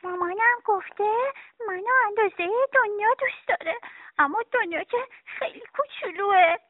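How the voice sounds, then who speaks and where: A woman voicing a little girl who sulks and turns tearful, in a high childlike voice, on a dry, tinny recording. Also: dry recording. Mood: sulky. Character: little girl, sulky and easily saddened. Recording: dry, tinny phone-like sound.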